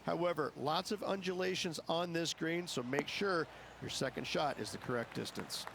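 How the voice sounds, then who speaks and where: A man's voice: a little high, normal speed, creaky. Explanatory male golf commentator, noisy background. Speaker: golf analyst and commentator, former player.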